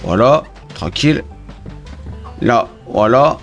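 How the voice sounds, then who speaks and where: A man giving casual gameplay commentary as a YouTuber, excitable, swinging between grumbling at the game and cheerful explaining to his viewers. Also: mid-range voice, slow pace, faint music behind. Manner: keeps addressing viewers as friends. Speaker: gaming YouTuber.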